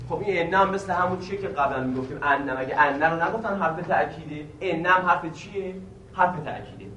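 A man's voice: high-pitched, fairly bright tone. A man teaching a seminary grammar lesson in a classroom. He repeats each point patiently, poses questions to the class and answers them himself. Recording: echoey room, mic at a distance, faint noise.

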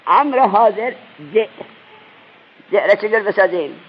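A male religious teacher giving a seminary grammar lesson, quizzing his students with rapid questions. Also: high-pitched, lively intonation, a little hiss or hum. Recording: dull lo-fi recording.

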